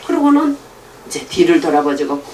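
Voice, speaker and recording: This sermon is given by a middle-aged woman with a low-sitting voice who talks a little fast. She tells stories animatedly, voicing both parties in each exchange, and laughs a lot. The recording is distant and echoey, with slight background noise.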